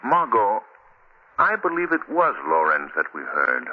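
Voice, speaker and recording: Deep-voiced Shadow, commanding. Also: male voice, huge pitch swings, full character voice. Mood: grave, intrigued. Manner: measured, commanding, theatrical. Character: Lamont Cranston, calm crime-fighting man who is the sinister invisible Shadow. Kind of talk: 1940s American radio drama acting. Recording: muffled, noisy 1940s radio recording.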